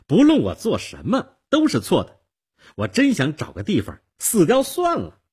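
A man's voice: sits high, wildly swooping pitch, normal speed, a little mellow, husky, pitched above the performer's own voice, heavily acted. A man voicing an indignant, stubborn teenage girl who scolds sharply in a storytelling performance. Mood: tearful.

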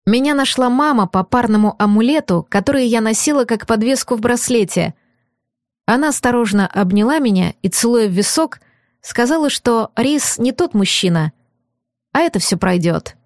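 A woman narrating a first-person audiobook in a measured, emotive reading. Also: a little high, lively intonation, a little mellow, dry recording, clean studio sound.

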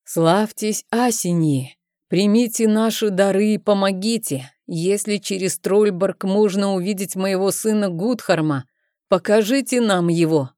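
A woman's voice: medium pitch, a little slow, mellow, dry recording, clean studio sound, lightly acted. A woman voicing a stern king who speaks solemnly. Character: stern old king, proclaiming.

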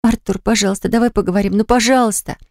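A woman voicing a frightened young woman who talks in a shrill, pleading way, pitched well above her own voice. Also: a little fast, a little mellow, no echo, studio quality, natural voice.

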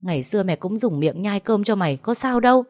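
A woman's voice: mid-range voice, expressive, a little fast, a little mellow, dry recording, studio quality, voice pushed up, lightly acted. A woman voicing a timid older mother who stammers and pleads in her own defense. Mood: pleading.

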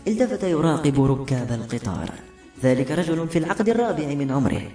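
Male audiobook narrator, fast and mellow, smooth storytelling, echoey room with faint music underneath. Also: on the high side, expressive. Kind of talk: scripted novel narration.

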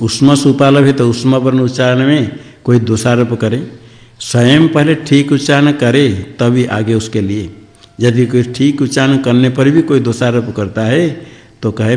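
A swami teaching scripture, chanting verses and then explaining them plainly, repeating points about clear pronunciation. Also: male voice, mid-range voice, a little mellow, in a large hall.

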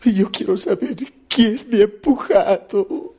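A man voicing a foolish young simpleton in a shrill, whiny, sobbing high voice. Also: sing-song, a little slow, warm tone, husky, heavily acted.

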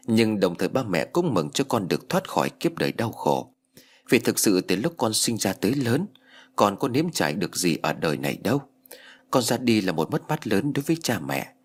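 A man's voice: on the low side, very animated, normal speed, breathy edge. A man voicing a grieving village grandmother who pleads tearfully with her dead daughter's spirit.

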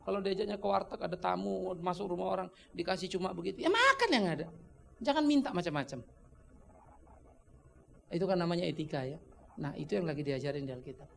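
A man preaching a conversational sermon as pastor, animated and joking, acting out little dialogues. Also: high voice, quick pace, vocal fry, long pauses, a little hiss or hum. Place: church.

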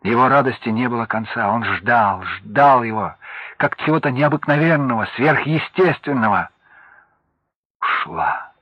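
Husky male audiobook narrator. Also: medium pitch, no echo. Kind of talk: scripted narration. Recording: dull lo-fi audiobook recording.

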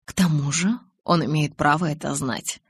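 Woman doing a quiet young vampire guy, gentle and soothing, husky low voice, dry sound. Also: normal speed, no room sound. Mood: calm. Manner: soft, low and restrained.

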